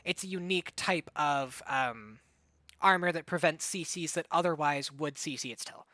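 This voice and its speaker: A woman with a bright, edgy tone calls a game match live on stream, hyped and quick to react. Her throat is sore, but she keeps the energy up through the play-by-play. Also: low-pitched, no echo, studio quality.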